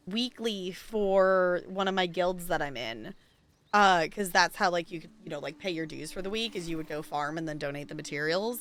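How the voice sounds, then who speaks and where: With a medium-pitched voice that sounds pushed and bright, a twentysomething woman chats through her game stream amid slight background noise. The gameplay commentary is casual and rambling, moving between thoughts, and she laughs a lot.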